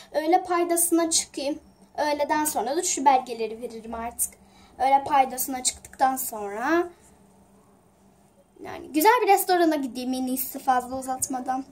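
An anxious young office worker, played by a woman, in a homemade toy drama. The voice sits very high and squeaky. She grows frantic and tearful when things go wrong. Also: darkish tone, lightly acted. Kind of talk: toy-figure home drama.

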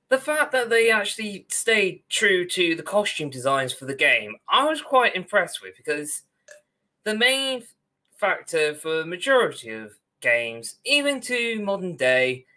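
A young adult man co-hosts a podcast over a video call from a small room at home, offering a wry, opinionated and casual critique. His voice sits on the high side and sounds pushed and bright.

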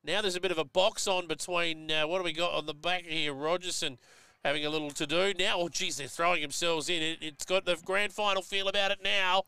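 Aussie guy commentating footy, bright crisp voice, folksy, close dry mic. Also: high-pitched, steady tone, fairly quick, dry recording. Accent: Australian. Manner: chatty, folksy, jumps up sharply at big hits. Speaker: football commentator. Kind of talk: live commentary with analysis.

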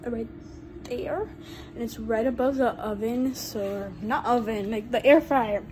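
This casual kitchen vlog features a teen girl chatting away on a handheld phone camera, her rambling talk packed with fillers. She speaks unhurriedly in a slightly high, steady tone, while loud appliances hum behind her on the poor-quality audio.

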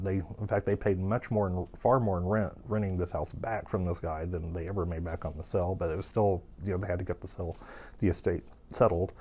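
A man with a somewhat low voice tells a rambling anecdote about his work. He keeps it animated and casual, filling gaps with easy fillers. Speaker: estate sale business owner. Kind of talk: casual storytelling.

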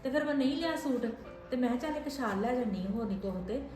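A woman's voice: sits high, expressive, quick pace, darkish tone, echoey room, faint music behind. A woman playing a wife in a family drama, complaining and hurt. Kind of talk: scripted village family drama.

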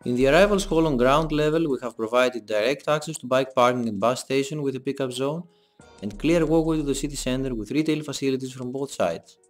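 A young man giving a scripted voice-over for a design presentation, in a measured, explanatory read. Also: mid-range voice. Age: young adult. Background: soft background music.

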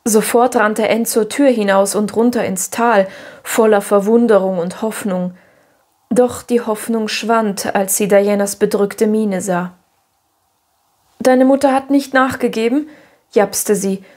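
A woman narrating a children's classic audiobook with clear, expressive storytelling. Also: medium pitch, unhurried.

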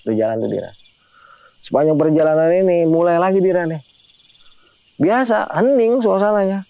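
A man's voice: high voice, normal speed, creaky, mellow, no room sound. A man telling a hiking horror story in casual slang, often turning to address his listener by name. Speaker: storyteller guest.

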